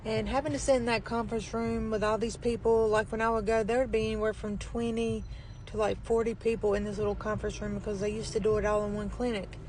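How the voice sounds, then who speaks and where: A middle-aged woman chatting casually in a plain-spoken, folksy way, with a weak, barely audible voice that cannot get loud. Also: flat delivery, fast talker, a little hiss or hum, poor audio. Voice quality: weak, low-volume voice, barely projecting. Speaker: vlogger. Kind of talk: casual chat.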